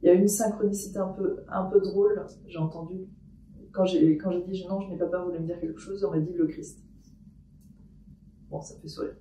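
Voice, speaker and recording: A woman recording a paranormal experiment vlog at home, talking her thoughts aloud in a hesitant way with many pauses and restarts. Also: on the low side, level tone, warm tone, distant mic, a little hiss or hum. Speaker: paranormal investigator. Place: room in her house. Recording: echoey room, voice off-mic.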